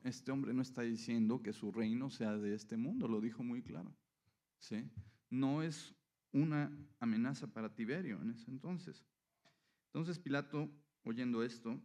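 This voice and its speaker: Man preaching a Bible teaching. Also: mid-range voice. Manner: explanatory, frequent checking "¿sí?". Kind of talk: sermon teaching.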